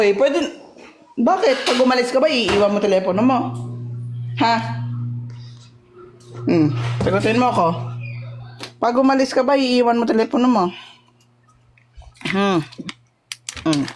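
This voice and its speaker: Slow-talking woman hosting a livestream. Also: fairly high pitch. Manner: chatty, greets and thanks viewers, playful teasing. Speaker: livestream host. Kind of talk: casual livestream chat. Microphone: phone, off camera voice-over.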